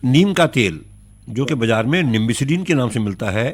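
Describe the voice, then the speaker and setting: A man's voice: medium pitch, animated, moderate pace. A North Indian man with a mid-range voice gives phone-in advice. He is courteous and instructive, laying out steps and repeating what matters. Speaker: agriculture expert.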